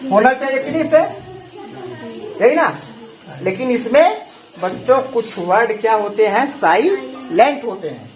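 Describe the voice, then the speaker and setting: A man's voice: very high-pitched, expressive, measured pace, pauses often, faint music behind. A man teaching a class, quizzing his students with the same question over and over. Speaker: English teacher. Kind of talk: classroom lesson with call-and-response. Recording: echoey room with faint noise.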